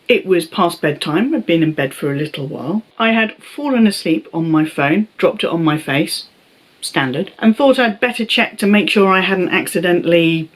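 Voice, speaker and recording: Bubbly self-mocking woman vlogger. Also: low voice. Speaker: beauty vlogger. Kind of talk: chatty unboxing vlog.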